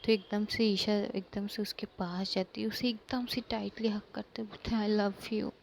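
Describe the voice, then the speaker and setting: A woman's voice: medium pitch, fairly even intonation, moderate pace, vocal fry, slight background noise. A woman narrating a love story in a casual, informal retelling full of repeated words.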